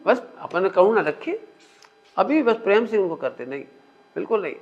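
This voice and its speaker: A man's voice: high-pitched, very animated, normal speed. A man teaching a spiritual discourse in a conversational way, often asking his listeners questions. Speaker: religious teacher. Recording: muffled lo-fi recording.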